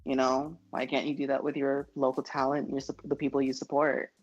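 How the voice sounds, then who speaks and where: An earnest guest poet from the United States chats in a casual interview, often pausing on fillers and restarting phrases. The sound is dull and lo-fi, with faint music underneath. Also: mid-range voice, monotone, breathy edge.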